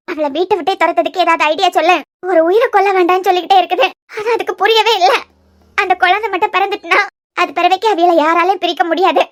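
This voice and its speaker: A woman voicing a tearful scheming young woman. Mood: bitter. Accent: Kanyakumari Tamil. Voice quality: very high-pitched. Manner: pleading, self-pitying. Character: heartbroken scheming young woman, obsessive and vengeful. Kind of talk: cartoon serial voice acting.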